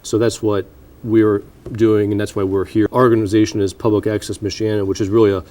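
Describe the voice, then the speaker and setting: A man's voice: fairly low pitch, level tone, brisk, mellow. An American man speaking as a panelist in a casual talk on a community show. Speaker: public access show panelist.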